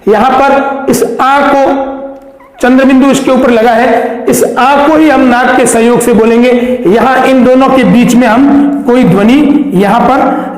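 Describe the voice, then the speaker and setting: A man teaching a Hindi grammar lesson, speaking slowly and deliberately and drawing out each example word. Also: very high voice, steady tone, darkish tone. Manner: slow, deliberate, stretches example words. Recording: very echoey room with long reverb.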